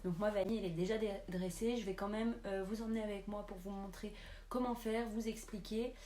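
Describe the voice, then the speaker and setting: A woman's voice: medium pitch, fairly even intonation, a little fast, dark tone. A young woman making a casual vlog tutorial, chatting with lots of hesitant fillers. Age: young adult. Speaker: pet vlogger.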